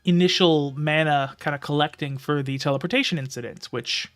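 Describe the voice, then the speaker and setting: A man's voice: on the high side, brisk, a bit bright, faint music behind. Casual rambling male streamer. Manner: casual, rambling, with filler words. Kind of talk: live reading and casual commentary.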